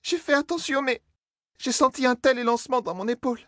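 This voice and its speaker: A young serving girl, put on by a male reader, pleading in a teary, defensive voice. The pitch sits far above his own, recorded dry and close. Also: a little fast, sharp tone, no room sound. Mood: tearful. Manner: pleading on the verge of tears.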